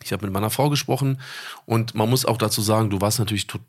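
A man's voice: fairly low pitch, quick pace. A man in his thirties, co-hosting a podcast in casual chat, telling a story at length in a laid-back, slangy way and acting out phone calls. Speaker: podcast co-host.

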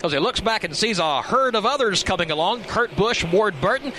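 Male motorsport commentator, forceful bright tone, live radio play-by-play, urgent, light trackside noise. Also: high voice, animated, brisk. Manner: urgent, detailed running commentary. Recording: noisy outdoor racetrack broadcast. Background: race cars and outdoor track ambience.

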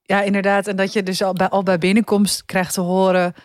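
A woman's voice: medium pitch, flat delivery, a little fast, no echo. Chatty Dutch-speaking woman, dry sound. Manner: chatty, laughing, self-mocking. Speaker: podcast co-host. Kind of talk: casual chat.

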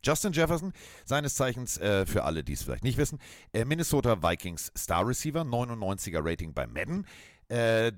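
A man with a German accent co-hosting a chat podcast, telling lively anecdotes and mimicking the voices of people in them. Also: medium pitch, a little fast, dry recording, clean studio sound. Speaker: podcast co-host. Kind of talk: casual chat, animated storytelling.

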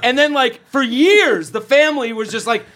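A man hosting a casual comedy podcast, telling stories in an animated way and swearing casually. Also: very high voice, moderate pace. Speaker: podcast host.

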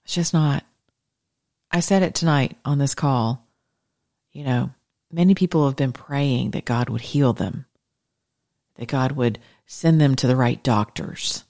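Devotional host, mid-pitched, conversational and encouraging, earnest direct address, dry close sound. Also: measured pace, pauses often, a little mellow, dry recording. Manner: informal, conversational. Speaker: host of an evening faith devotional. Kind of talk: devotional talk, informal sermon.

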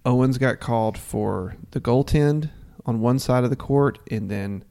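Gravelly, mellow-voiced sports podcast man. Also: unhurried. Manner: animated, mocking, jumps high when joking. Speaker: podcast co-host. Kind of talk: casual sports chat.

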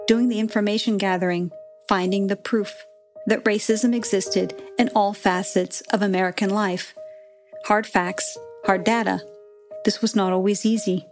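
A woman hosting and narrating a documentary podcast in a measured, clear storytelling manner. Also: medium pitch. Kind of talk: scripted narration.

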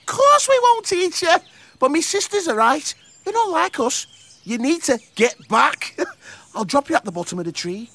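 A man voicing a cheerful, friendly flying beetle who talks in a slangy, excitable way. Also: high-pitched, moderate pace, no room sound, voice pushed up, full character voice. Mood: chirpy. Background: music.

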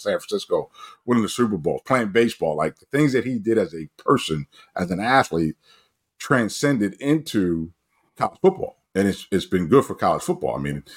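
Male coach, fairly low voice, animated sports chat, frequent restarts. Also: husky. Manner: animated, pitch jumps up when excited, frequent restarts. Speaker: coach and guest analyst. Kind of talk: casual sports talk.

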